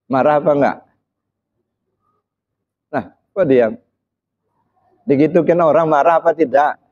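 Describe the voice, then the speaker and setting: In a slightly muffled, dull recording, a male Islamic preacher speaks unhurriedly in a darkish voice that sits on the high side. His talk is interactive: he quizzes listeners, presses for answers, and keeps slipping short "ya" checks between phrases.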